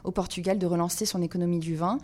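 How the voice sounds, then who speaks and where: A woman's voice: fairly low pitch, fairly even intonation, fast talker, a little mellow. A woman presenting a wine segment on a radio show, hesitant with many fillers and self-deprecating. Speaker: wine columnist. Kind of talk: radio chronicle chat.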